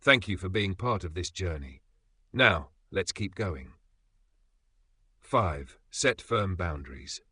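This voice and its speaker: Male narrator, low and punchy, for scripted motivational voice-over; deliberate emphatic phrasing, recorded dry and close. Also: lively intonation, bright, forceful tone, breathy edge, dry recording. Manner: measured, emphatic delivery with dramatic pauses. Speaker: channel narrator.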